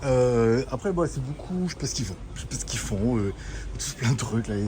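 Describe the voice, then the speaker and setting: A man's voice: medium pitch, lively intonation, brisk. Rambling man vlogging in a noisy market. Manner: rambling, chatty, laughing often, swearing casually. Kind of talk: casual walk-and-talk vlog. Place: busy electronics market, indoors.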